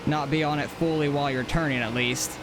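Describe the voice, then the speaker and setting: Higher-pitched man casually commentating over engine noise. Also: fairly even intonation, brisk. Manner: informal, thinking aloud. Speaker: sim racing streamer. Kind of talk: casual live gameplay commentary. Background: racing game car engine.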